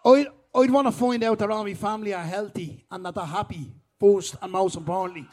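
A middle-aged man with a Dublin accent and a strikingly high voice. He talks in casual live banter, blunt, teasing and full of swearing. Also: a little fast, darkish tone, a little hiss or hum. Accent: Dublin, Irish. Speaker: speaker on stage at a live podcast. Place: live podcast show at a festival.

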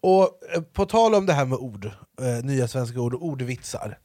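A man's voice: mid-range voice, no room sound. Joking young man hosting, dry sound. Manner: relaxed, joking, quick reactions. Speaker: show host. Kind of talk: casual interview chat.

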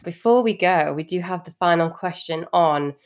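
A woman's voice: fairly low pitch, normal speed. A woman hosting an interview and putting the closing question. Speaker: host.

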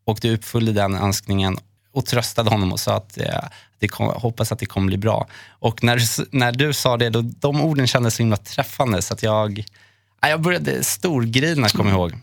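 Earnest man with a low voice. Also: steady tone, no echo, studio quality. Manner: earnest, halting, many fillers. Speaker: podcast host. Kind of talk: personal storytelling in a chat.

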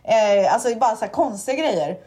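A woman hosting a casual chat, telling animated stories and acting out quotes. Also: on the high side, slightly rough. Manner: animated storytelling, acts out quotes. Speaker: podcast host.

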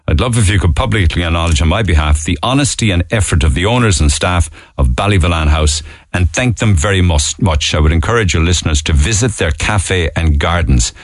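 Cork guy hosting radio phone-in, lowish voice, swings around a lot, dry studio sound. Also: no echo. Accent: Cork Irish. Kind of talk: casual radio talk.

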